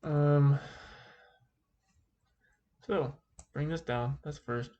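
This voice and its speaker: A man speaking through a face mask, giving an informal calculus lesson in a halting way, thinking aloud as he goes. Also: mid-range voice, steady tone, vocal fry, dull audio. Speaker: math teacher.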